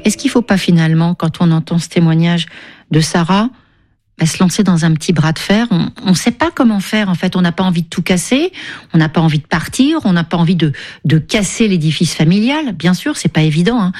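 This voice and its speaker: A woman's voice: lowish voice, expressive, fairly quick, a little mellow. A woman hosting a radio talk show, speaking in an emphatic, empathetic way and often repeating words. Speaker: radio host.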